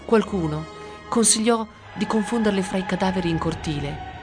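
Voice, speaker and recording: A narrator reading a first-person story aloud with steady storytelling. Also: medium pitch, normal speed. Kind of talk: audiobook narration. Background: music.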